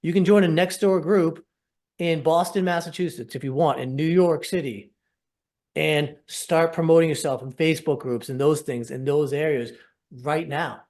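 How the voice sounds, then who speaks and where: A man's voice: on the high side, normal speed, a little mellow. A man hosting a casual sales webinar over a video call, talking in an upbeat, persuasive and rambling way. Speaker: program host.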